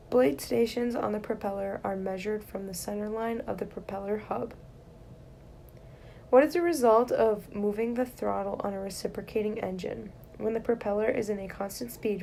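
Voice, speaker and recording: Woman, study-guide reader, plain steady delivery, gravelly fry, warm dark tone. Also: mid-range voice, a little hiss or hum. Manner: steady, plain reading with spelled-out abbreviations. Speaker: reader of exam study questions. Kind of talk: reading test questions aloud.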